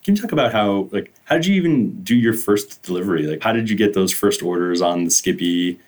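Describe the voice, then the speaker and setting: Male co-host, low and quick, casual and chatty, lots of "like". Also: expressive, a little mellow. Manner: loose, chatty, with many "like" fillers. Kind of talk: casual interviewing.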